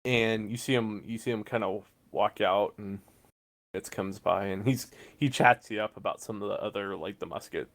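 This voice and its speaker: A man's voice: fairly low pitch, normal speed, fairly bright tone. Man casually narrating a tabletop game. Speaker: game master.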